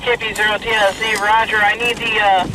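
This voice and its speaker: A man's voice: high-pitched, little pitch movement, brisk. A man chasing a storm, checking in by radio with clipped call signs and fillers over a radio transmission. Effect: mobile radio transmission with static. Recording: distant radio audio with static.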